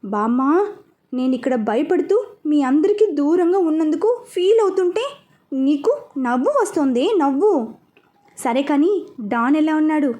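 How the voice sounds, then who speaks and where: Exasperated young bride in an audio story, high and complaining, read by a woman. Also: lively intonation, a little slow, dark tone. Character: newly married young woman, frank and irritable.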